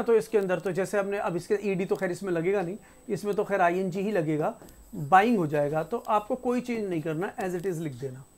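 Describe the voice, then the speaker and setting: A woman teaching spelling rules in a casual classroom style. She reads each rule out slowly and repeats the example words. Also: mid-range voice, a little mellow. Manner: casual, conversational teaching with frequent checks like "theek hai". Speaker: English teacher.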